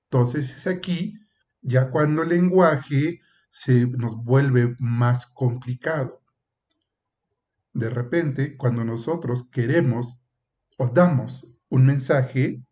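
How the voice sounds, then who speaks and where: A male professor gives a university lecture in an even, mid-pitched voice, explaining point by point and filling pauses with hesitant "eh" and "este." Now and then he acts out short example dialogues to make a point. The recording sounds muffled and lo-fi.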